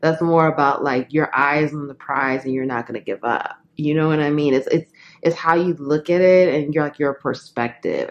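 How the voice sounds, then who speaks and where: Low-voiced chatty tarot reader woman. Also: muffled recording. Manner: chatty, laughs often, frank, filler-heavy. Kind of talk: casual tarot reading to camera.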